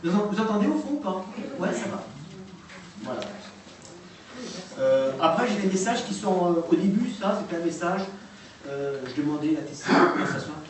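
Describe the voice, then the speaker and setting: A man giving a public talk and playing recordings, speaking haltingly with many fillers and restarts. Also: sits high, animated, a crowd in the background. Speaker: lecturer. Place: lecture room. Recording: echoey hall recorded from far off.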